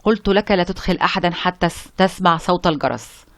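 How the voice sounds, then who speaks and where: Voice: mid-range voice, brisk, a bit bright, no room sound, natural voice. Reader doing Yusuf, a bitter scornful doctor. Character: harsh bitter young male doctor, scornful of women.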